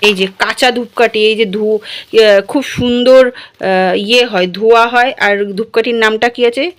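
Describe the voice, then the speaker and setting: A woman's voice: on the high side, steady tone, moderate pace. A woman in a casual vlog, talking straight to her viewers as she shows what she bought. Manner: chatty, addresses viewers directly. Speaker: vlogger.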